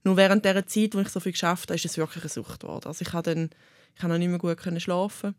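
A young woman speaks with a Swiss German accent, telling her story candidly in an interview with many halts and restarts. Her voice sits low and runs quick. The sound is dry and close. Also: fairly even intonation, no room sound. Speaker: interview guest. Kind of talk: personal interview talk.

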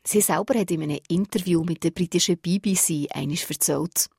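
Woman presenter, deep husky voice, dry close sound. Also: fairly quick, darkish tone, no room sound. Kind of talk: radio feature narration.

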